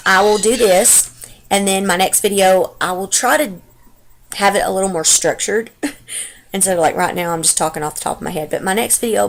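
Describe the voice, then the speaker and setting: A young stay-at-home mom with a heavy Texas accent and a mid-range voice rambles through a casual, unscripted home vlog, partly in her living room. She is chatty and uses many fillers, and she records on her computer's webcam mic.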